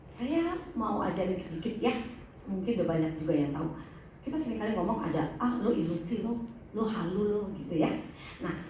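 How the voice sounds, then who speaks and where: A middle-aged woman counselor giving a teaching talk to a group, lively, acting out examples in other voices. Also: fairly high pitch, a little hiss or hum. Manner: animated, acts out patients' voices. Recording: echoey hall, mic at a distance.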